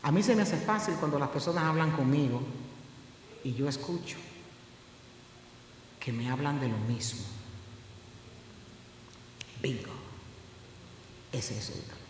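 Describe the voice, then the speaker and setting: A woman pastor, preaching a sermon with impassioned delivery that climbs from hushed to loud. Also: extremely low pitch, measured pace, pauses often, a little hiss or hum. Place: church sanctuary. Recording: very echoey, reverberant church hall.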